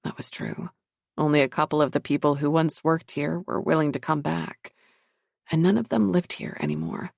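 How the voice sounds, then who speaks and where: A woman narrating a paranormal romance audiobook in a measured, steady reading. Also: deep voice, creaky, no echo, studio quality. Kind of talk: scripted narration.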